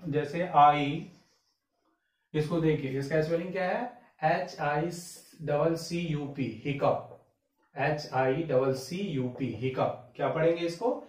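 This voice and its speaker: Slow, echoey male English tutor in Hindi. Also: on the high side, a little mellow, far from the mic. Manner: repetitive quizzing, asks "clear?" often; spells words letter by letter, drawls example sentences. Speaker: English teacher. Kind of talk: Hindi-medium English vocabulary lesson. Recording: echoey room, away from the mic.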